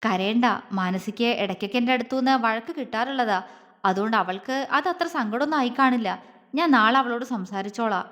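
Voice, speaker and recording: A woman voicing a protective young husband, gruff yet tender, in an audio love story. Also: a little high, a little fast, a bit bright, big-room sound, lightly acted. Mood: reassuring.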